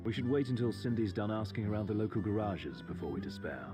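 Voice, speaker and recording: Man doing a formal game adviser, measured and precise, lowish voice, music behind. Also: animated, close to an everyday voice. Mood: calm. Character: composed, formal young male royal adviser. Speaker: game character. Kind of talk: video game voice acting.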